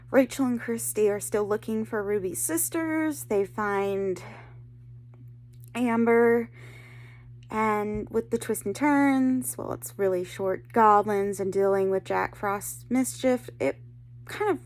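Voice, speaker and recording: Lazy, lying-down woman vlogger. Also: mid-range voice. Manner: relaxed, lazy, lying down while talking. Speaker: book vlogger. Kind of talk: casual vlog chat.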